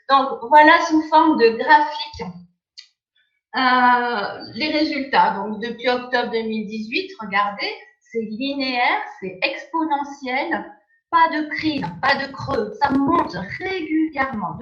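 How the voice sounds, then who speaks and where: Woman, higher voice, persuasive sales presenter, roomy sound, muffled video call audio. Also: a bit bright. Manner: persuasive, emphatic pitch.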